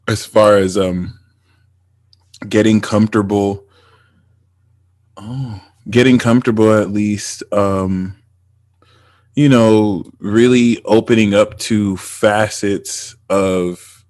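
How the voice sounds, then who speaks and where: A man's voice: on the low side, steady tone, slow pace, pauses often, a little mellow, no echo. A man hosting a casual spiritual conversation, rambling with many fillers and restarts. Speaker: podcast host.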